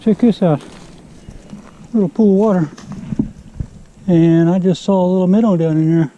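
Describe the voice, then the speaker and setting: Carrying an action camera along a forest trail, a hiker vlogger narrates casually and talks easily to the lens as he walks. His voice sits high and dark-toned, at a normal pace, with lo-fi sound and a little background noise.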